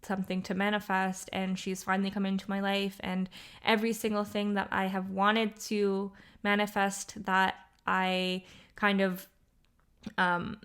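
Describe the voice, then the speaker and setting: A young woman talks through her solo podcast in a smooth, clear voice at a middle pitch. She rambles in an upbeat way, full of fillers and restarts, and she sounds a little tired. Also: fairly bright tone. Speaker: podcast host. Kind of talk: casual solo podcast monologue.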